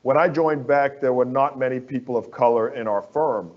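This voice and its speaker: Earnest guy from the bahamas, mid-pitch, repeats himself to make a point, dull lo-fi audio. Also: normal speed. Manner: earnest, persuasive, repeats phrases for emphasis. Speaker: construction firm executive. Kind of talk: interview guest.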